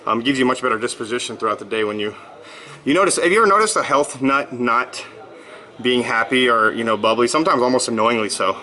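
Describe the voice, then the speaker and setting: A man's voice: mid-range voice, bright, forceful tone, low-quality recording. A man in his thirties talking casually in a vlog, rambling and upbeat with lots of fillers, just back from a workout. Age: 30s. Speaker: blogger.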